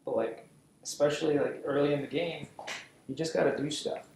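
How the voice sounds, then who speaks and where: Gravelly man far off in an echoey room. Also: a little high, fairly even intonation, moderate pace, a little mellow, slight background noise. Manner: gives blunt advice, repeating phrases. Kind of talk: casual podcast chat.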